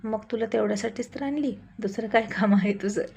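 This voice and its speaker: A woman voicing a short-tempered husband who teases and blusters, in a gravelly, dark voice. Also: fairly high pitch, fairly quick, slight background noise. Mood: teasing. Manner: teasing, then crude and blustering. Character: gruff short-tempered husband, adult man.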